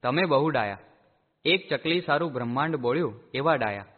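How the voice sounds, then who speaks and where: Guy reading as a blunt village cowherd from an old devotional storybook, rough plain-spoken talk, echoey and tinny like a phone line. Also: medium pitch, expressive, a little fast, close to an everyday voice. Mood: taunting. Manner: gruff, complaining. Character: blunt, simple-hearted male village herdsman.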